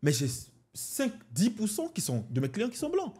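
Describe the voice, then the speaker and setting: His voice is high-pitched with a breathy edge, and he speaks at a moderate pace. This Beninese man in his twenties, with a Beninese French accent, is a lively, slangy podcast guest who constantly falls back on "en fait, tu vois".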